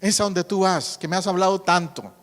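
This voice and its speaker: A male pastor with a high voice gives a teaching sermon and often puts questions to his listeners. He is recorded in a church sanctuary with a long, ringing reverb. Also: moderate pace. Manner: teaching, asks the congregation questions.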